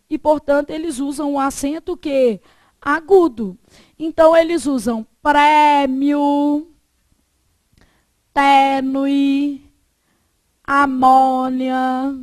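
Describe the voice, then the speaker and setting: High-pitched woman teaching grammar. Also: a little mellow, dry recording. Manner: poses fill-in questions for students to answer, dictates slowly. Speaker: Portuguese teacher. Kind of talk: classroom grammar lesson.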